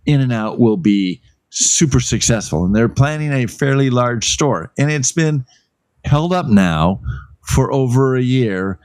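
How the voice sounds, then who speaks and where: A man's voice: medium pitch, darkish tone, no echo. A man giving exasperated, blunt political commentary on a talk show.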